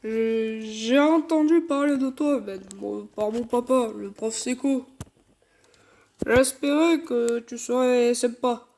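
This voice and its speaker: A woman voicing a young neighbor girl in a gruff deep voice with a southern French accent, halting at the start of lines. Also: darkish tone. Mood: shy.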